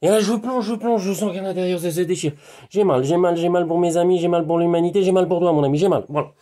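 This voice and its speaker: Animated man rambling to camera outdoors. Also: high voice, fast talker. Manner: animated, repetitive, talks to the viewer as a friend. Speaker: hypnotherapist vlogger. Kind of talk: rambling direct-to-camera monologue. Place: his garden, outdoors.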